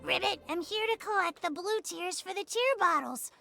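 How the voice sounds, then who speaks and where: A tiny frog-creature vendor for a video game, very high and squeaky with a croaky fry. She is timid but chatty and ribbits between phrases. Game music plays clearly behind her. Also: normal speed, pushed and bright, full character voice. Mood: chatty, earnest. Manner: punctuates sentences with croaking "ribbit". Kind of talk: scripted game dialogue.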